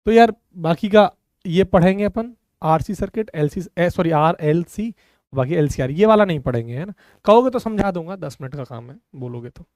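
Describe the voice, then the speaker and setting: A man's voice: fairly high pitch, animated, moderate pace, a little mellow, no echo. A man teaching a physics class online, calling students "beta" and explaining step by step in a conversational way.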